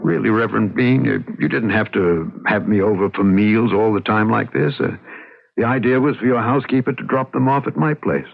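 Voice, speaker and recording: On a noisy, narrow-band old radio recording, a man with a lowish, gravelly voice acts in a radio drama, narrating in first person. He plays a haunted, agitated, obsessive man drawn to mysteries, speaking earnestly and dramatically and faltering when pressed.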